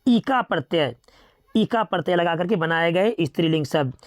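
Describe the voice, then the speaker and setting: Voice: mid-range voice, normal speed, dry recording, clean studio sound. Methodical teacher reciting word pairs. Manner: steady, methodical listing with repeated reminders to remember. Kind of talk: grammar lesson, reading out word pairs.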